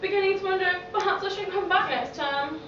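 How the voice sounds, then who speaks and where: A woman's voice: very high-pitched, fast. A woman playing an earnest, hapless young Victorian male student in a stage pantomime, declaiming naively. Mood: earnest, forlorn. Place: on stage in a theatre hall. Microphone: distant camera in the audience. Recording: echoey theatre, distant camera, dull, noisy.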